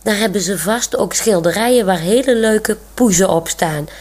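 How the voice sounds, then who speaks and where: A woman's voice: medium pitch, moderate pace, a little mellow, natural voice. A woman voicing a kind, comforting old woman with a walker in a storybook reading.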